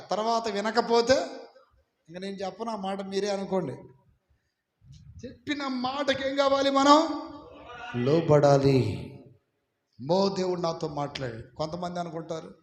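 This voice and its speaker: A man preaching a sermon as pastor, calling on the congregation to repeat his words back loudly. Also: sits high. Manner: preaching with call-and-response, urging the congregation to repeat. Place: church hall. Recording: echoey hall, some of it from far off.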